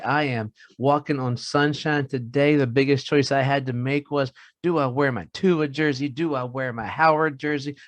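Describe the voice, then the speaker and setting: Rambling middle-aged podcast co-host. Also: male voice, medium pitch, no echo. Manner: rambling, joking, self-mocking. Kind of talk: casual sports chat.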